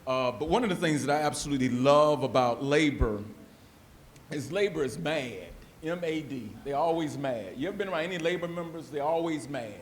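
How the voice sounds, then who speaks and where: A man's voice: on the high side, a little fast, a little hiss or hum. A man performing spoken-word poetry at a public event, rhythmic and preacherly, repeating lines for emphasis. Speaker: poet. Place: large auditorium. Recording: echoey hall with faint ambience.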